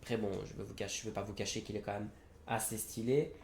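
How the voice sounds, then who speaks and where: A man's voice: lowish voice, flat delivery, fast talker, darkish tone. A young man reviewing trading card game products in a casual, hesitant way, with frequent fillers and self-corrections. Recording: roomy echo, faint background noise.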